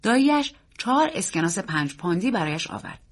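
Husky woman narrating a story. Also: mid-range voice. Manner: measured, expressive storytelling.

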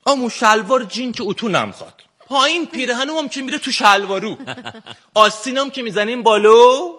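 A man's voice: very high-pitched, pushed and bright. A middle-aged man with a Shirazi accent doing stand-up comedy on a stage, with a lazy, drawling, joking delivery. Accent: Shirazi Persian.

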